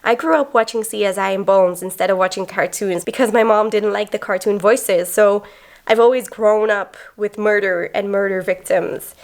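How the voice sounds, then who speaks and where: A woman's voice: medium pitch, normal speed, vocal fry. A woman narrating a travel vlog, chatty and enthusiastic as she explains and recaps her experiences. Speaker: travel vlogger.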